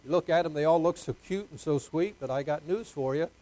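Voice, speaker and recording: An older male preacher delivering a sermon in a fairly high voice. He talks folksy and plain, teasing his listeners and calling for amens. His volume swings from near-whispered asides to loud, stretched-out proclamations. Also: a little fast, poor audio. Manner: jokes with the congregation, asks for amens.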